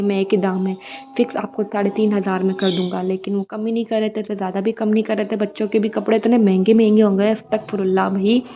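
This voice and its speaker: A young woman vlogger chatting casually about a shopping trip, telling the story and quoting the people she met. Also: medium pitch. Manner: chatty, storytelling, quotes shopkeepers and family. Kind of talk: casual shopping vlog narration. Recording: dull lo-fi sound.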